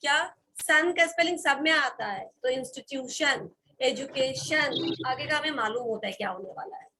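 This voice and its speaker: A woman's voice: high-pitched, normal speed, sharp tone, rough recording. A woman teaching vocabulary to a class of students. She spells words out letter by letter and keeps checking that the class is following. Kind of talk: classroom lesson.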